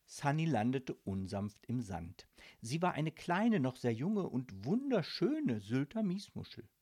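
Male narrator for a children's audiobook, husky tone, lively expressive read. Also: medium pitch, a little slow. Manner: warm storytelling, varied and expressive.

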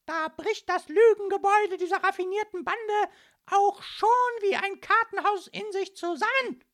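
A woman voicing a tall young policewoman, shouting in a shrill, domineering way in a storybook reading. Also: steady tone, normal speed. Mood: shrill bossy. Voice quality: shrill, barking.

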